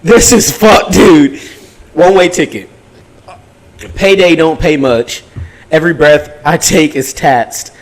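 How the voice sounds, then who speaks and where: A podcast co-host in a casual chat reads something aloud mockingly, giggling, swearing, and tripping over the words. His voice is a little high, and he goes slowly with frequent pauses.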